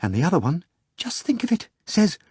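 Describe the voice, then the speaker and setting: An audiobook narrator, a man, puts on an exaggerated woman's voice for a crying young female secretary: very animated, slow, a little mellow and slightly rough. Agitated, she lets out shrill, frantic, breathless wails, her voice a little nasal from crying. Studio quality with no room sound.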